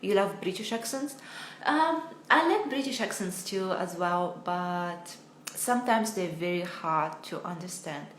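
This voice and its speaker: A woman's voice: lowish voice, expressive, unhurried, slight background noise. A young American woman teaching English on a casual livestream, chatty and hesitant, often laughing at herself, talking from home into a phone. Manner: chatty, hesitant, self-deprecating. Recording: roomy echo.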